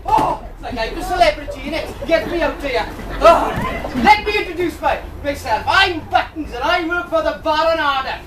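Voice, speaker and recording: A woman with a high-pitched, expressive voice plays Buttons, a cheeky, chatty, lovelorn Welsh servant lad, in a British pantomime on a tavern stage, rambling colloquially to the audience at a moderate pace. Her banter is excited and full of tag questions. The amateur video sounds distant and echoey, with crowd noise.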